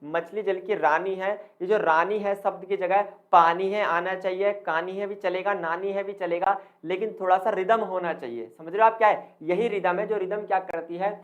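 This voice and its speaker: A man's voice: sits high, steady tone, moderate pace, hardly any pauses, a bit bright, lo-fi sound. A man tutoring for an exam in an explanatory lecture, who keeps asking the viewers questions, answers them himself and mixes in English terms. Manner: addresses the viewers as friends.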